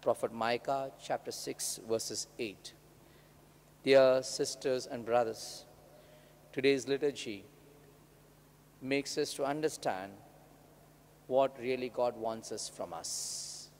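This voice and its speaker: A man in his thirties with an Indian accent, a priest reading scripture and preaching in a solemn, measured way. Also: medium pitch, a little mellow. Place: church altar, indoors. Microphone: microphone on the altar. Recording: cathedral-like echo, long church reverb, background noise.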